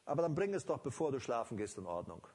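A man's voice: mid-range voice, very animated, fast, darkish tone, slightly rough. A man preaching a sermon, earnest and emphatic, speaking directly to his congregation.

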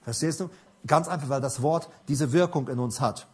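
A man from Paraguay preaching a sermon to a congregation, building up to loud, emphatic passages and putting questions to the listeners. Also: a little high, normal speed, husky. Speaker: pastor.

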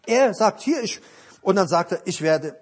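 A male preacher giving an evening sermon, swinging from loud, emphatic bursts to hushed asides and acting out quotes in different voices. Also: high-pitched, animated, normal speed.

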